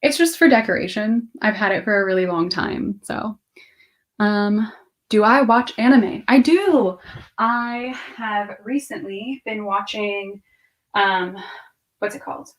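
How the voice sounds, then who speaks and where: Her mid-range voice a little slow, a woman in her twenties talks casually on a livestream. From a home room with bookshelves, she thinks out loud, drifts a bit distractedly, and responds to viewers' questions.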